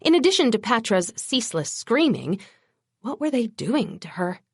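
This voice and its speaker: A woman narrating an urban fantasy audiobook in the first person, with a wry, brisk storytelling manner. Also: a little high, sing-song, darkish tone, breathy edge, no room sound, studio quality.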